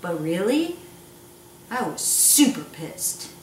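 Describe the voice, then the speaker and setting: A woman's voice: lowish voice, sing-song, slow pace, a little mellow. A woman hosting a casual cooking lesson with a jokey, playful manner and teasing asides. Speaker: cooking show host. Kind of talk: casual instructional cooking chat. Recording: echoey room, distant mic, noisy background.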